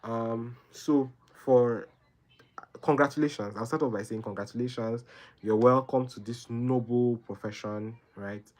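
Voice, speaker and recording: On a rough recording, a young Nigerian livestream host fields viewer questions in a medium-pitched, darkish voice with fairly even intonation, speaking a little slowly. His earnest advice wanders and repeats, peppered with "right?".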